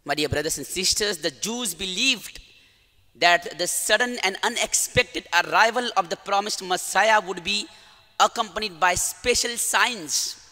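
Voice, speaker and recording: Indian English male priest, high and sharp-toned, formal homily delivery, long cathedral echo. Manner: formal, measured liturgical delivery. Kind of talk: reading the gospel and preaching a homily. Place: large church. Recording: long church reverb.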